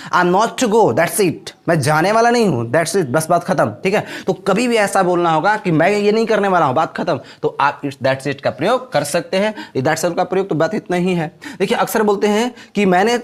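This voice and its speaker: A man teaching spoken English, explaining in Hindi and repeating each example phrase slowly like a classroom drill. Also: sits high.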